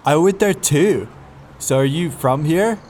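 A man's voice: on the high side, lively intonation, a little slow, a little mellow, slight background noise. A man reading as an awkward young man. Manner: hesitant, stumbling. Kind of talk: comedic screenplay read-through.

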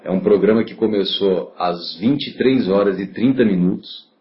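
Low-voiced co-host, matter-of-fact. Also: male voice, normal speed, highs cut off, a little hiss or hum. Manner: matter-of-fact, corrects details. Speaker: podcast co-host. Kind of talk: casual conversation.

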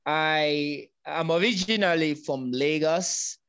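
A man's voice: on the high side, slow pace, fairly bright tone, clean tone, no room sound, low-quality recording. A man from Nigeria, a guest in a conversational interview, talking with many ums and restarts.

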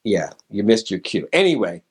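Playful man with a lively, swinging voice. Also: lowish voice, moderate pace, very noisy. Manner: playful, teasing, mock-directorial. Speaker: podcast host. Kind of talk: casual studio banter and bloopers. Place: recording studio.

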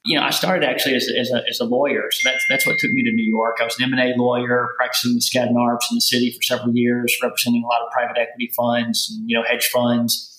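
A man in his forties with a Southern Kentucky accent, talking casually as an interview guest, halting and full of filler words. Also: medium pitch, little pitch movement, bright, forceful tone. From rural Kentucky. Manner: halting, heavy use of "you know" fillers and repeated words. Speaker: venture capital guest. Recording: roomy echo.

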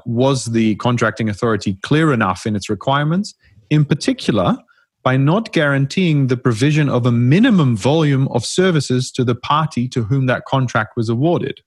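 A man in his thirties co-hosting a podcast, explaining a case in a lively, self-mocking way with frequent restarts. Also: mid-range voice, moderate pace, dry recording. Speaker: podcast co-host. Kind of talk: casual expert discussion.

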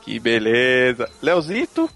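A man's voice: medium pitch, very animated, slow, a bit bright, soft background music. A man hosting a casual live podcast chat. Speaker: podcast host.

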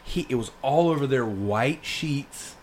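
Man, 30s, podcast host, casual rambling storytelling, animated, faint background noise. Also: medium pitch, measured pace. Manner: rambling and animated, lots of fillers like dude and freaking.

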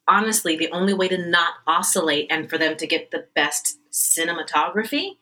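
Animated, chatty stage actress telling stories. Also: female voice, fairly low pitch, poor audio. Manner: animated, chatty, self-interrupting. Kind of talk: anecdotal interview storytelling.

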